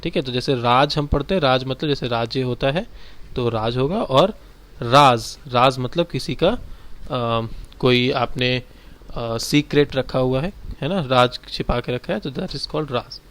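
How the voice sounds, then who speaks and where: A man teaching a primary-school lesson, walking children through textbook exercises and explaining each one slowly and directly. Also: medium pitch, fairly bright tone.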